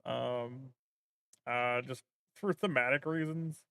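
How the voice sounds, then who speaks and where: A man's voice: mid-range voice, fairly even intonation, slow pace, vocal fry, sharp tone, clean tone, no room sound, clean studio sound. A man streaming as a vtuber, chatting casually and thinking aloud while he works, rambling with lots of fillers.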